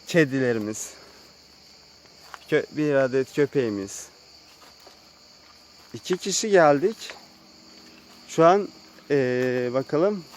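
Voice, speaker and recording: A man vlogging casually outdoors at a rural sheep pen, speaking slowly and unhurriedly about his new animals. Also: lively intonation, slight background noise. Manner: slow, unhurried, with sing-song high calls to the animals. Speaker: vlogger moving to the countryside. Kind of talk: casual vlog talk while tending sheep.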